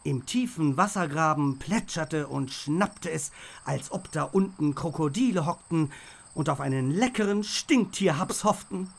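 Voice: medium pitch, lively intonation, a little slow, gravelly. A narrator reading a children's audiobook in the first person, playful, with comic asides.

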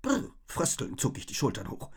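A man narrating a children's storybook in the first person, with grumpy, expressive delivery. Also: medium pitch, normal speed, slightly rough. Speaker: audiobook narrator. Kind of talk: storybook reading.

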